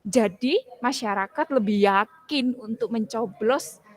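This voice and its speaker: A woman's voice: fairly high pitch, a little slow. A woman teacher giving students spoken feedback in an online class, often ending phrases with tag questions. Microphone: video call.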